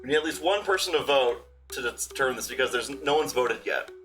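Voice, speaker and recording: A man running a tabletop game as game master for a live chat, narrating casually and haltingly as he improvises aloud. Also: medium pitch, lively intonation, fairly bright tone, low-quality recording. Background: music.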